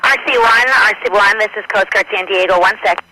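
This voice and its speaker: A man's voice: high voice, fairly quick. A man working as a coast guard radio operator, speaking in radio procedure over a crackly military radio. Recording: crackly, noisy VHF radio transmission.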